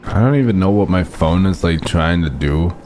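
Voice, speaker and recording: A man with a rough morning voice giving halting, unsure commentary while he plays a game. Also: sits low, lively intonation, darkish tone, a little hiss or hum. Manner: halting, unsure, lots of fillers. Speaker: gamer.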